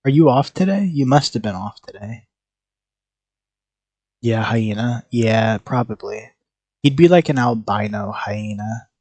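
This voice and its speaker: A man streaming a horror game live, chatting with viewers and reacting loudly to the match. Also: fairly low pitch, no room sound. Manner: chatty, reacts loudly and reads chat aloud. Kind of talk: live gameplay commentary.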